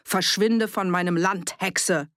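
A woman voicing a gruff, dismissive male farmer in an audiobook, curt and brusque. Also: on the low side, steady tone, slow, a bit bright, no echo, clean studio sound, pitched above the performer's own voice.

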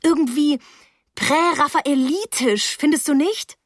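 A woman's voice: fairly high pitch, normal speed, fairly bright tone, no echo, natural voice. Female reader voicing an awkward teen schoolgirl, eager and flustered, dry studio sound. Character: awkward, gushing seventeen-year-old schoolgirl.

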